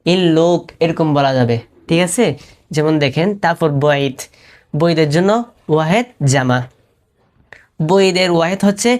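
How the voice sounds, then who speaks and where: A woman teaches a beginner class in a low, steady voice. She goes through each term slowly and repeats it, often pausing to ask whether it is clear. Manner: patient, repeats terms slowly with frequent checks. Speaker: Urdu teacher. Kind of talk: step-by-step language lesson.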